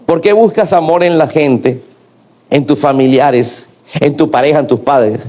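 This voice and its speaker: A man's voice: fairly high pitch, unhurried, warm tone. A middle-aged man preaching a sermon, asking rhetorical questions and having the congregation repeat after him. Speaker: pastor.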